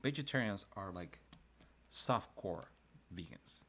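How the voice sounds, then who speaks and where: A man's voice: lowish voice, lively intonation, slow, a bit bright, a little hiss or hum. A man who hosts design videos, chatting casually and rambling a little while he draws a comic on a live stream. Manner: chatty and rambling, with frequent restarts. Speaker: illustrator and design video host.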